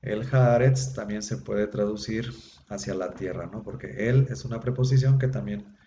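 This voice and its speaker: Man, Hebrew teacher, mellow dark voice, dull lo-fi sound. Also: lowish voice, normal speed. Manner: patient explaining, many fillers. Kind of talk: online class lecture. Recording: dull lo-fi echoey room with faint hum.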